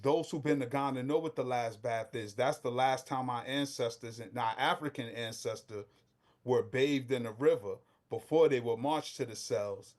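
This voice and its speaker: A man's voice: medium pitch, moderate pace. Impassioned Brooklyn man, street slang. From Brooklyn, New York. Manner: impassioned, street slang, rising to near-shouting. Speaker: guest. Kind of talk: casual podcast discussion.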